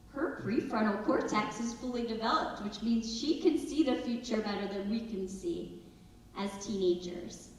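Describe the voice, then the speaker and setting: A woman's voice: mid-range voice, slight background noise. A woman in her thirties giving an earnest, conversational talk to parents at a school, sometimes acting out family conversations. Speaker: school presenter. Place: school auditorium. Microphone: far from the recording device. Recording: echoey hall, distant mic.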